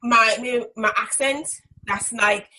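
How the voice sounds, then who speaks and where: Slow and on the high side, this young Caribbean woman's voice is bright and forceful, with fairly even intonation. She is a graduate student instructor giving a reflective interview, speaking candidly in a strident, emphatic way. Clicks and background noise run through the recording.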